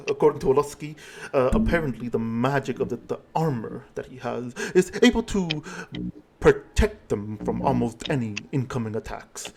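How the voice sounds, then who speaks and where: A man's voice: mid-range voice, darkish tone, natural voice. A man voicing a chatty, friendly male ally in a tabletop game, fussing with concerned questions.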